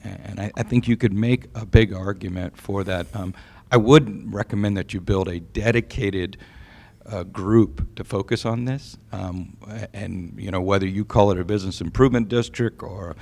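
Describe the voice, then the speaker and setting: A man presenting recommendations to a city audience in a measured, advisory way, with some fillers. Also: on the low side, fairly even intonation, vocal fry, darkish tone.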